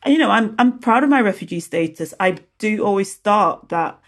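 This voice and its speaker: A woman born in South Sudan, a teacher and activist, answering an interview earnestly in halting phrases. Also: mid-range voice, expressive. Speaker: guest, teacher and community activist.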